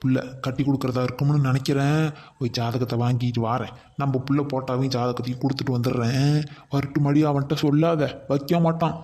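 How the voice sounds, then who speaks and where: A man's voice: medium pitch, fairly even intonation, fast, a little mellow, close to an everyday voice. A man voicing a fussy, pleading old village grandfather in a cartoon. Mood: confiding. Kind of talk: cartoon voice acting.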